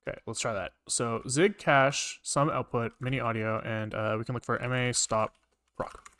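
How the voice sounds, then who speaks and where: During a live-streamed programming session, a man thinks out loud in casual, informal mutters laced with swearing. He has a medium-pitched, a bit bright voice with fairly even intonation and a moderate pace.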